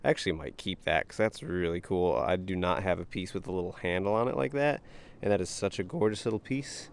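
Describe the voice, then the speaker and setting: Low-voiced American man vlogging outdoors. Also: a little fast, gravelly, a little hiss or hum. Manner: excitable exclamations and playful musing to camera. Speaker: treasure-hunting vlogger. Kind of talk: casual outdoor vlog commentary. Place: outdoors along a wooded creek. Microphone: camera held at arm's length.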